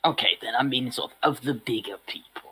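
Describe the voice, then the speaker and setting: A man's voice: medium pitch, fast, bright, forceful tone, rough recording. A man co-hosting a casual chat show, cracking dry, sardonic jokes. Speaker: co-host.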